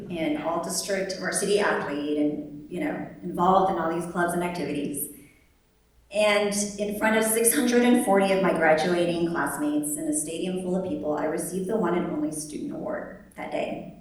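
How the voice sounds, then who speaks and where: A young adult woman, born in Vietnam and raised in the United States, telling a personal story on stage with wry humor and animated quoted voices. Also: on the low side, moderate pace. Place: large echoey venue at a live event. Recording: echoey hall, distant mic.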